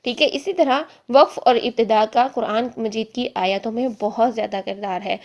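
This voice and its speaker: A woman teaching an online religious lesson, explaining step by step and repeating examples slowly. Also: fairly high pitch, a little mellow, lo-fi sound. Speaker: Quran recitation teacher.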